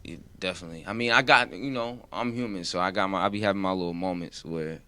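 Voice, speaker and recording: A rapper in his 20s from New Jersey, US, guests on a casual interview, his deep, clear, resonant voice sounding older than his age, with no echo. He talks quickly in a sharp tone yet laid-back and rambling, saying "you feel what I'm saying".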